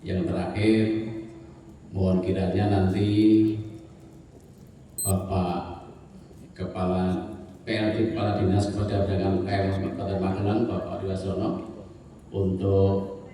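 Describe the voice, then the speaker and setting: A man with a Javanese Indonesian accent giving a formal welcome speech as an organisation official, in halting short phrases. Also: low voice, monotone, dark tone. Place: large indoor event hall. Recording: echoey hall, distant, faint noise.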